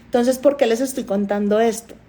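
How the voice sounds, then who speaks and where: A woman's voice: fairly high pitch, fairly even intonation, a little fast, dark tone. A Colombian woman, a doctor and therapist, giving a motivational talk to an online audience and telling stories in which she acts out the dialogue. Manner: storytelling, often acting out dialogue.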